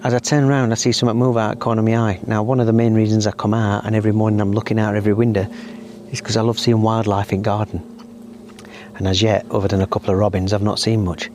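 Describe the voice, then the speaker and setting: A man's voice: lowish voice, quick pace, a little hiss or hum. A middle-aged man co-hosting a podcast, telling stories in casual chat from outdoors in a garden. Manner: chatty storyteller, animated when ranting. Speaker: podcast co-host.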